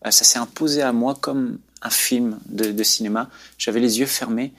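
A man's voice: medium pitch, steady tone, normal speed, a bit bright. Male guest, earnest preacherly storyteller, faith testimony.

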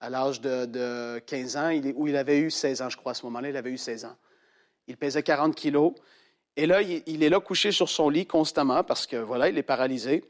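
A man preaching, telling a testimony dramatically and acting out the quoted voices. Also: fairly quick. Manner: animated storyteller who acts out quoted voices in a much higher pitch. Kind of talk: sermon storytelling.

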